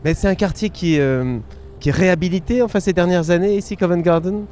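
Dark-voiced man chatting on a walk. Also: high-pitched, fairly quick, slight background noise. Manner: interjects, compares with home, asks questions. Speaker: travel show host. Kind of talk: casual chat on a walking tour. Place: outdoors in a city street.

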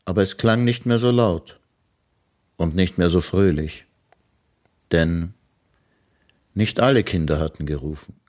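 Low-ish guy voice reading a kids story, calm and steady. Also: unhurried, pauses often. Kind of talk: reading a children's story aloud.

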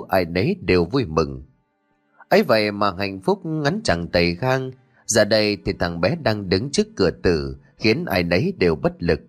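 A man narrating a ghost story in an expressive, dramatic storytelling style. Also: mid-range voice.

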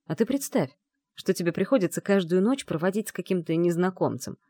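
Female reader doing a quiet, persuasive male love interest, low soft delivery, close dry sound. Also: lively intonation, a little fast, dry recording. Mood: calm. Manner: quiet, soothing, insistent. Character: calm persuasive young male lord. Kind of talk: audiobook character reading.

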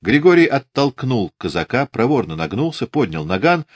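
A man reading a novel as an audiobook narrator, in a measured and expressive way. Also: mid-range voice, no room sound.

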